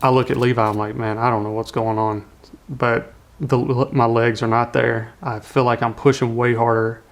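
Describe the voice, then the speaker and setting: A man telling, in a documentary interview, how he struggled through an ultramarathon, earnest and halting with many restarts. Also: mid-range voice, little pitch movement, vocal fry. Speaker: ultramarathon runner telling his story.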